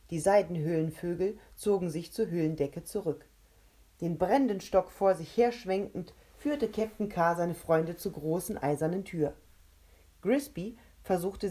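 A woman narrating an adventure story aloud in a steady, measured way. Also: lowish voice, slightly rough.

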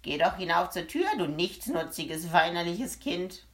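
A woman reading an audiobook, voicing a spiteful little man who shouts at and sneers at children. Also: on the low side, lively intonation, a little slow. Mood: grumbling. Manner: shouting, sneering, gleeful cruelty. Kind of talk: audiobook character voice.

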